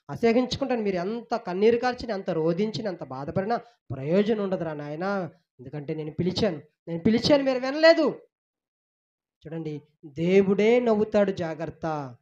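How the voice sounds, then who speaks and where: A woman preaching an emotional sermon, reading scripture and repeating phrases with loud rebukes and hushed pleading. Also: fairly low pitch, muffled recording. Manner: emphatic, repetitive, swings between loud rebuke and hushed pleading.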